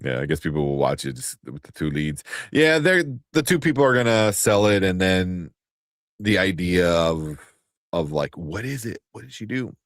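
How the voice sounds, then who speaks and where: Laid-back low-voiced man hosting a chat. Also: big pitch swings, normal speed, no room sound, clean studio sound. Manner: laughs often, loose and rambling. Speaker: podcast host. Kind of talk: casual chat.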